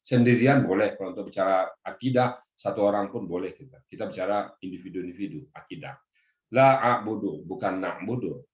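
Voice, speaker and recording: A religious teacher gives a group lesson on Quranic verses over a video call, breaking down the grammar word by word and often calling his listeners "Pak." His voice sits low and is a little mellow, he talks fast, and the sound is roomy.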